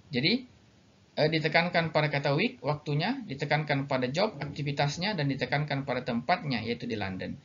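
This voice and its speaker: A man lecturing on stylistics, explaining slowly with many fillers and repetitions, reading English examples aloud and then explaining them. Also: fairly high pitch, fairly bright tone. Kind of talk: recorded online lecture. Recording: slightly dull lo-fi audio.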